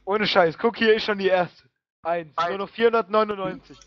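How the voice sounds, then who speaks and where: A man's voice: high voice, normal speed. A drunk young man with a German accent, swearing crudely in casual voice chat while gaming. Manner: crude, swears a lot, excitable. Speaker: online gamer. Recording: muffled lo-fi voice chat.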